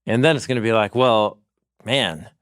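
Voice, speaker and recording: Low-voiced man explaining in a dry studio. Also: moderate pace, clean tone, no echo. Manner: thoughtful, explains with paraphrased dialogue. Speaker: podcast co-host, teacher. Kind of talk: casual theological discussion.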